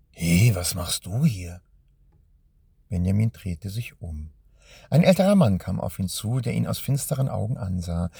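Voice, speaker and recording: A man narrating a storybook in a measured way, at times speaking directly to young listeners. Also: on the low side, gravelly, dark tone, husky, dry recording, clean studio sound.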